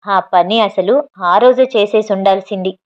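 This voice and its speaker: A woman's voice: medium pitch, a little slow, muffled recording, natural voice. A woman voicing a proud, cruel father who answers his family with defiance and contempt, in a storybook reading. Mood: defiant.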